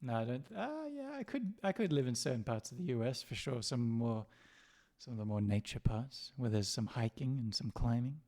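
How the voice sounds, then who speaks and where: A man's voice: mid-range voice, lively intonation, moderate pace, a little mellow. A man hosting a livestream, chatting casually and rambling between jokes. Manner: rambling, joking, laughs often. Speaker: livestream host.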